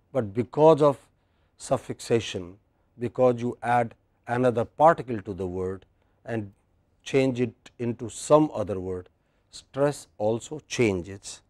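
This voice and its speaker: Slow, patient male English teacher. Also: medium pitch, warm tone, no echo, clean studio sound. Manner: slow, patient, repeats phrases and checks understanding. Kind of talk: classroom lecture with drills.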